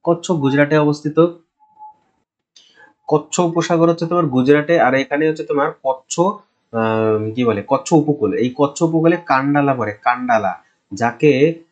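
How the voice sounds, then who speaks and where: A man with a somewhat high voice teaches a relaxed exam-prep quiz lesson, speaking unhurriedly and pausing often, and the audio sounds dull. He keeps a conversational tone, repeats the answers, and frequently checks in with "ঠিক আছে?"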